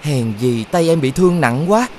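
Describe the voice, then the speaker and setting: An actor voicing a caring eldest prince brother in a cartoon, who speaks gently and reassuringly. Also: male voice, on the high side, animated, normal speed, a little hiss or hum, natural voice.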